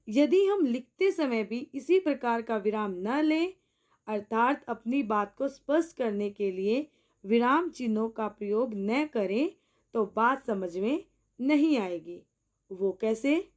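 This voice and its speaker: A woman teaching a grammar lesson in a slow, careful way, pausing often so every point sinks in. Her voice sits a little high. She talks to her viewers as friends. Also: darkish tone. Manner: slow, deliberate explaining, addresses viewers as friends. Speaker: teacher and channel host. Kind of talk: scripted Hindi grammar lesson.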